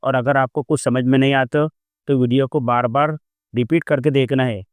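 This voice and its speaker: A man teaching a Quran lesson, explaining each word plainly and then reciting it slowly with long drawn-out sounds. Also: medium pitch, steady tone, dry recording.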